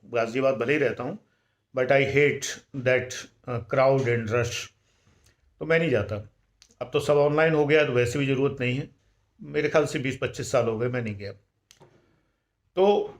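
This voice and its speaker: An older man giving calm, measured life-management advice and mixing in English words. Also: medium pitch.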